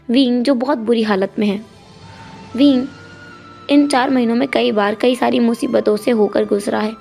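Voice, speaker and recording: A woman's voice: on the high side, gravelly, a little mellow. A woman retelling a story in a chatty, casual way, mixing in English words.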